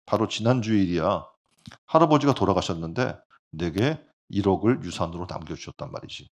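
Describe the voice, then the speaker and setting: A man voicing a glum grown man who mopes over his luck, in a flat, gloomy deadpan. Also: low-pitched, fairly quick.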